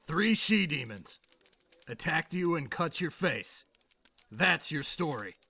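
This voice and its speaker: An actor playing an exasperated, sceptical middle-aged police boss in an audio drama, with a gravelly rasp and a brusque, sarcastic beat-cop bark. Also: male voice, a little high, big pitch swings, slow pace, bright, forceful tone, heavily acted. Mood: sceptical, stern. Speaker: police commander.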